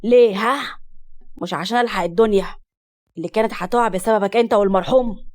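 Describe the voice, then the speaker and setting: A woman voicing an angry older uncle with an Egyptian accent, who scolds forcefully. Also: mid-range voice, fast, lightly acted. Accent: Egyptian Arabic. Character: stern angry older uncle, family patriarch.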